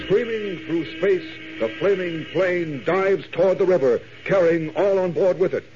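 A man's voice: sits high, measured pace, over music. Suspenseful old-time radio narrator, male, muffled. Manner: old-time announcer's grave, suspenseful delivery. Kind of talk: dramatic 1940s radio serial narration. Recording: muffled vintage radio recording.

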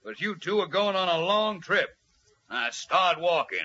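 A man's voice: sits high, animated, measured pace, bright, forceful tone, heavily acted. An actor playing a cold, menacing burly male gunman in a 1940s radio serial. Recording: muffled old radio recording.

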